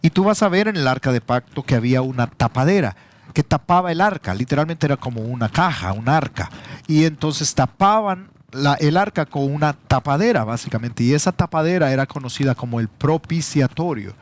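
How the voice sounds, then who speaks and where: A man's voice: a little high, lively intonation, brisk. A pastor with a Salvadoran Spanish accent preaching a teaching sermon, his voice rising sharply when he quotes scripture.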